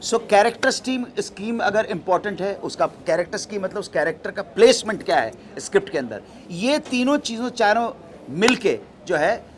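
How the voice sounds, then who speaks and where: At a press event, a middle-aged man fields reporters' questions, explaining things deliberately and slipping English terms into his replies. His voice is high-pitched and animated, with a faint hiss or hum in the background.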